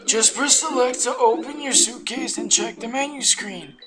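A man voicing a fussy elderly male steward from a video game, who talks slowly and formally with a quaver. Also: extremely high pitch, pitched above the performer's own voice. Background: game music.

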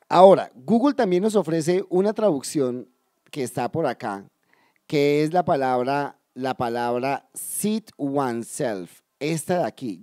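A man teaching English in a video lesson, explaining step by step, addressing viewers directly and slowly repeating key words. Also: mid-range voice, warm tone, dry recording, studio quality. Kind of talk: video lesson for Spanish speakers.

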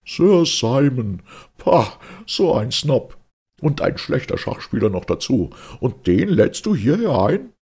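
An agitated gentleman, voiced by a man reading aloud pushes his voice up high and loud in a storybook reading, sarcastic and snorting. Under the strain the tone stays low and gravelly. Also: sing-song, moderate pace, heavily acted.

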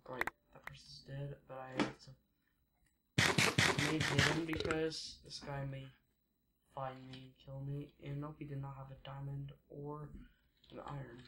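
In an echoey room with background noise, a teenage boy who makes gaming videos talks through his play in a loose Let's Play style, frequently fixing his words partway through sentences. He speaks unhurriedly in a mid-range voice that barely rises or falls.

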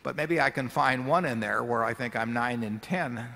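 A man's voice: medium pitch, normal speed, vocal fry, bright, forceful tone. An older man answering shareholder questions on a large arena stage at a table microphone, talking in a folksy, rambling way with many restarts. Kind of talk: casual conversational answers at a meeting. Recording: long hall reverb from arena PA.

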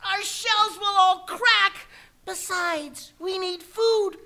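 A small, humble turtle pleads politely with his king, as a woman acts him out. His voice is very high and bright, and he speaks very slowly with a groaning plea. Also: full character voice. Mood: pleading. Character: small meek male turtle at the bottom.

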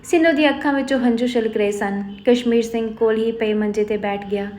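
Woman reading a story out loud, steady and even, voice on the higher side. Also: brisk, slight background noise. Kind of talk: scripted story narration.

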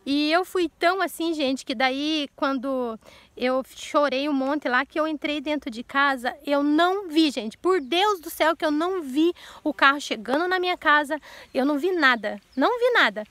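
A woman in her thirties with a high voice tells a personal testimony, earnest and direct with her listeners. She repeats key words to stress them. The sound is close and dry. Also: moderate pace, a bit bright, dry recording. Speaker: vlogger telling a personal testimony.

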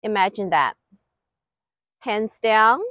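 A woman's voice: mid-range voice, takes it slowly, fairly bright tone, dry recording, muffled recording. A middle-aged woman instructing a qigong routine step by step in short, clipped directive phrases. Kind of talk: exercise instruction, step-by-step cues. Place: outdoor lakeside paved terrace.

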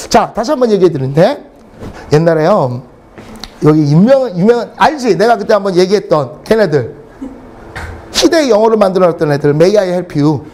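A man's voice: high voice, darkish tone, slight background noise. A middle-aged man teaching English, telling blunt, comic classroom stories and swearing freely for laughs. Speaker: English lecturer. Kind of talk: lively classroom storytelling.

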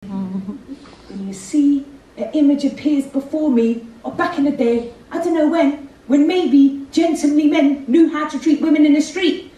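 Her voice sits high yet has a dark tone as a woman unhurriedly performs spoken word poetry with street-inflected rhythm. She uses a handheld mic on a theatre stage with red curtains. The distant camera leaves her sounding far away amid strong hall echo.

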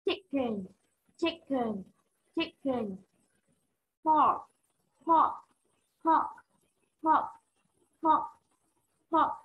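Slow high-voiced woman teacher. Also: lively intonation. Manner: slow repeated drilling of single words, clear enunciation. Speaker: English teacher for children. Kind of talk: online class drilling vocabulary. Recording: muffled lo-fi online call audio.

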